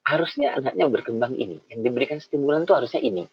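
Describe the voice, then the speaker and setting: A middle-aged man giving a lively, informal talk on raising children, speaking to mothers and acting out parent and child voices. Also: mid-range voice, rapid-fire, slightly rough. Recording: dull lo-fi sound.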